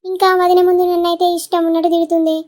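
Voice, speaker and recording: A woman's voice: very high voice, little pitch movement, rapid-fire, a little mellow. Woman doing a complaining younger sister with a Telangana accent. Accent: Telangana Telugu. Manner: complaining, tattling.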